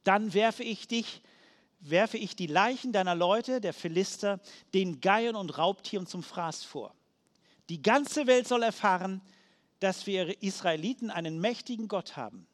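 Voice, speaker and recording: A man's voice: sits high, unhurried, in a large hall. Young defiant David, read by a man. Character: young shepherd David, male, bold and defiant.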